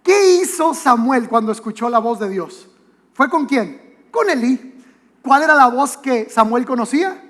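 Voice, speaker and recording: A man's voice: extremely high pitch, expressive, a little slow, a bit bright. A man with a Mexican accent preaching a sermon in a church auditorium, conversational, with rhetorical questions and joking asides. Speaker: pastor. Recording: long hall reverb from a church auditorium.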